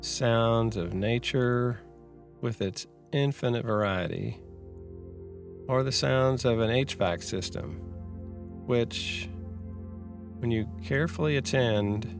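A man giving a reflective guided mindfulness talk in a measured, unhurried way, with pauses between short phrases. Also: mid-range voice, gravelly, over music. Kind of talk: slow guided meditation, reflective talk on anxiety.

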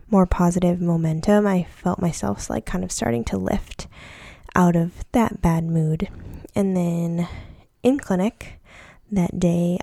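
A woman in her twenties, an orthodontic resident, reflecting on her week in a thoughtful personal vlog with many pauses and fillers. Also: on the low side, gravelly, warm tone, no echo, clean studio sound. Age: 20s.

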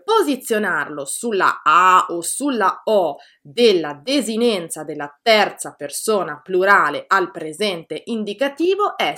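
A woman teaching pronunciation in a scripted lesson, reading example words out slowly and deliberately. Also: mid-range voice, bright, forceful tone. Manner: slow, careful, reads out example words deliberately. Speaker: Italian teacher.

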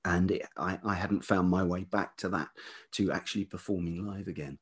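This podcast guest, a middle-aged writer and musician from England, has a deep, husky, velvety voice with a steady tone at normal speed. Interviewed, he talks thoughtfully and haltingly, repeating words while he hunts for the right ones.

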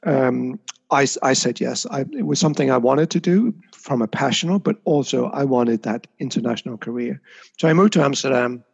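A man's voice: mid-range voice, lively intonation, brisk, creaky, husky, dull audio. A man as an interview guest, talking reflectively about his career with frequent small restarts. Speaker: guest, communications consultant. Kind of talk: casual interview.

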